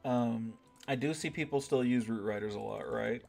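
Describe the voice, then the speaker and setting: A creaky, slightly mellow mid-range voice belongs to an American man casually chatting on a gaming stream at a moderate pace, with faint music behind him. Relaxed in manner, he reads the chat out loud and often adds "right?".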